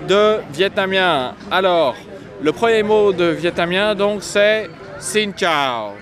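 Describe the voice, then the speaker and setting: A man's voice: high voice, lively intonation, takes it slowly, faint music behind. A man teaching first words of a language outdoors, asking and answering his own questions. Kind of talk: casual vocabulary lesson.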